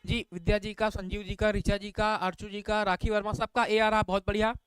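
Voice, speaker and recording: A man's voice: high voice, flat delivery, brisk, a bit bright, clean tone, no echo. A man teaching an online exam-prep class, reading out spelling questions and options, often asking "what is it?" and praising viewers by name. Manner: repetitive questioning, addresses viewers as bhaiya.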